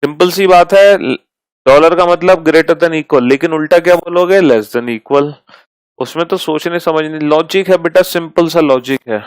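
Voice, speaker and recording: A man's voice: fairly high pitch, smooth, no room sound, rough recording. A male teacher giving a math lesson, patiently repeating each step and affectionately addressing his students. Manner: reads out terms slowly and deliberately.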